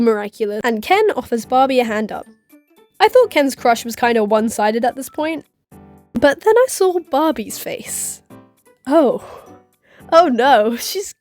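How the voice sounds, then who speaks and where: A woman's voice: fairly high pitch, darkish tone. A woman in her twenties recapping a film in a casual commentary vlog, full of sarcastic asides and giggles. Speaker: YouTube commentator.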